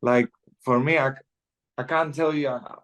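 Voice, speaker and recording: A man's voice: mid-range voice, steady tone, a little slow, a bit bright. A man in his twenties from Greece, chatting easily as a guest in an interview and often adding "you know". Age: 20s. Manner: laid-back, peppers speech with "you know". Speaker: guest fighter. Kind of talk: casual interview chat.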